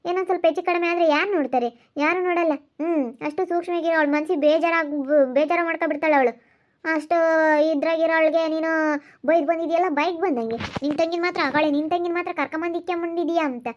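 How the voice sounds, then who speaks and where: A woman playing a quarrelsome, sharp-tongued village woman in an amateur skit. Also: very high voice, steady tone. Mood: aggrieved. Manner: scolding, rapid back-and-forth bickering. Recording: dull lo-fi audio.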